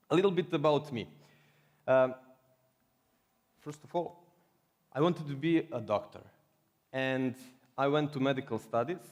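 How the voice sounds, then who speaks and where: A man's voice: mid-range voice, darkish tone. A man from Serbia with a Serbian accent, giving a playful, joking conference talk to a live audience. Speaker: conference speaker. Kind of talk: humorous presentation. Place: conference hall. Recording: reverberant hall.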